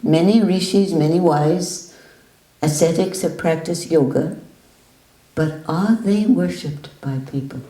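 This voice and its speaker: A woman's voice: on the low side, normal speed, few pauses, dark tone, echoey room, close to an everyday voice, rough recording. A woman voicing a stern elderly male Indian sage who fires brusque, challenging questions.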